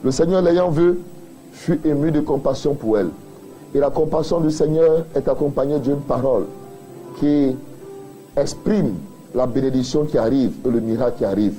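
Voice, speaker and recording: A pastor preaching a sermon, building emphatic repeated refrains and addressing the listener directly. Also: male voice, mid-range voice, moderate pace, warm tone, soft background music, low-quality recording.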